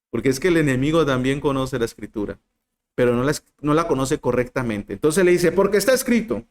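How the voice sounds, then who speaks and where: Expressive Spanish-speaking male preacher. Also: brisk. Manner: expressive, swings between loud emphasis and soft low lines; addresses listeners directly, asks rhetorical questions. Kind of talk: sermon.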